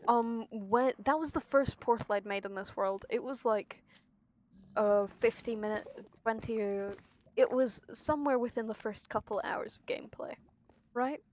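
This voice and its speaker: High-voiced young British woman with a slushy lisp. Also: normal speed, darkish tone. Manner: sweary, exclamatory, rambling. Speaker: game streamer. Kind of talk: casual chat while gaming.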